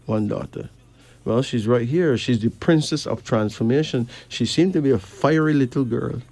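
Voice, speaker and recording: A man's voice: mid-range voice, moderate pace, a little mellow. Man, emphatic card reader. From Barbados. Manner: emphatic, rising questions, dialect grammar. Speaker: host reading cards. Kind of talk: casual chat and card reading.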